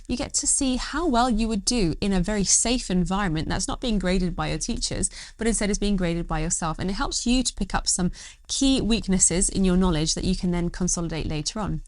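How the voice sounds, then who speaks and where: Young woman doctor talking fast, encouraging, dry close sound. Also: mid-range voice, dry recording. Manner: encouraging, upbeat, direct. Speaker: doctor giving study tips. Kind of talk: educational talk to camera.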